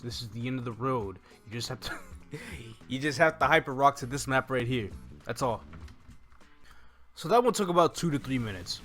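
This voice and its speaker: A young adult man with a medium-pitched, slightly bright voice hosts a gaming video, casually walking through each step. He speaks close to a desk microphone in a room at home, with faint game music in the background.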